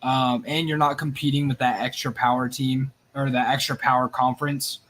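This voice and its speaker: Rambling, excitable male host for casual live sports chat. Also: mid-range voice, moderate pace. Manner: rambling, excitable, swears, nervous energy.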